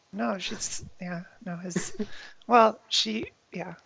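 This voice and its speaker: A woman playing a tabletop role-playing game, halting and trailing off as she talks. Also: medium pitch, vocal fry, husky, rough recording. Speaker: player. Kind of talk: casual tabletop game chat.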